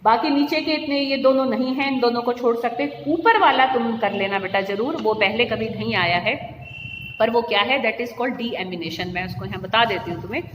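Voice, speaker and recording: Checking on her students with frequent "okay"s and "see, dear," a woman teaching chemistry explains her lecture step by step at a moderate pace. Her voice is fairly high and a bit bright, and the recording has long reverb from an echoey room plus faint noise.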